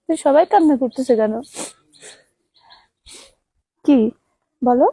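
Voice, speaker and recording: Soothing high-voiced woman, pleading softly. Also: brisk, creaky, no room sound. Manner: soothing, pleading, repeats short phrases. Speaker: vlogger comforting orphaned children. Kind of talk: emotional on-camera address.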